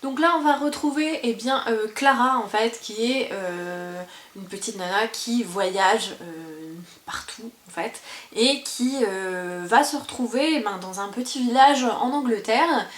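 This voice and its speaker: A woman's voice: fairly high pitch, unhurried, reverberant. A young woman presenting books in a casual vlog from her parents' living room, talking in a chatty way with many fillers and restarts. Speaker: book vlogger. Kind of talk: casual book presentation to camera.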